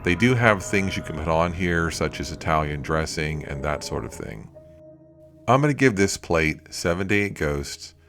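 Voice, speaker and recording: A man's voice: deep voice, lively intonation, moderate pace, fairly bright tone. A man narrating a food review vlog as a voice-over in a plain-spoken, itemizing way. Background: music.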